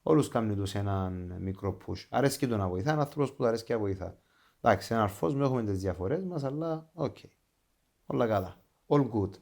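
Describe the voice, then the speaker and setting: A man's voice: fairly low pitch, lively intonation, gravelly, a little mellow. A man with a Cypriot Greek accent talking casually as an interview guest, enthusiastic and dropping English phrases into his Greek. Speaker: interview guest, pro wrestler.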